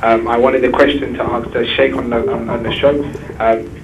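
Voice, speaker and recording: Male caller, tentative, flat delivery, distant phone sound. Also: medium pitch, fairly quick, slight background noise. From England. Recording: faint phone line into studio.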